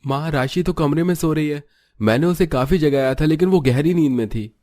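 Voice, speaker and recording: A woman's voice: low voice, fairly quick, warm tone, close to an everyday voice. A woman voicing a tired young husband who pleads with his wife in an exasperated way. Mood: explaining.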